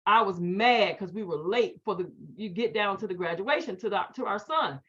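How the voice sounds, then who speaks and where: A middle-aged woman, telling an animated, emphatic story to a group. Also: medium pitch, normal speed. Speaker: speaker. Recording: dull lo-fi audio.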